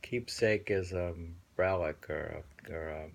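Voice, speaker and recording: A reader and host reads translated poems aloud and muses on them casually. His deep, husky, gravelly voice comes out haltingly, with repeated phrases.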